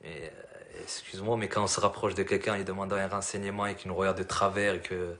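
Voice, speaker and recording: A young man speaks in a casual, slangy way during an interview, his voice bright and forceful but pitched fairly low. Faint noise sits behind him. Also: flat delivery, fast. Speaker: interviewee, rapper.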